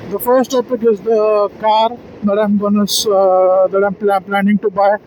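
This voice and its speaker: A man's voice: sits high, little pitch movement, normal speed, a little mellow, a little hiss or hum, poor audio. A man rambling through a solo vlog, tired and yawning, who keeps stumbling, restarting and correcting himself with self-deprecating asides. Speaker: vlogger.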